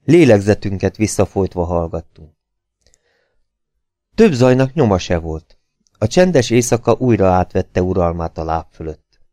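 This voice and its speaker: Brief: male narrator, low warm tone, dry close sound, measured dramatic reading. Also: lively intonation, no room sound. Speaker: audiobook reader. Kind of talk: scripted narration.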